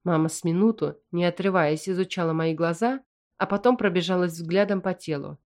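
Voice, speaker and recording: A woman narrating a fantasy novel in first person with an even, measured reading. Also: on the low side. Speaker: audiobook narrator.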